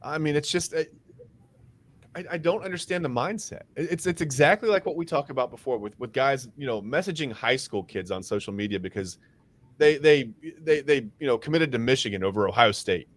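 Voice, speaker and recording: A man's voice: mid-range voice, brisk, no room sound. A man co-hosting a casual sports podcast, who talks emphatically and repeats words when he gets worked up. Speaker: co-host.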